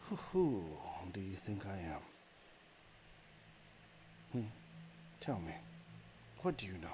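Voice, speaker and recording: A menacing goddess of darkness and death, as a man puts her on, taunting in a low, slow voice that sinks into a whisper. Steady background noise sits clearly under the voice. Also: full character voice.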